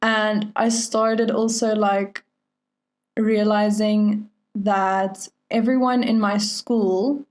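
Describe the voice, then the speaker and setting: A woman's voice: medium pitch, level tone, very slow, darkish tone. Laid-back young woman from Venezuela. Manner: laid-back, reflective, laughs easily. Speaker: podcast co-host. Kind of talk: casual chat.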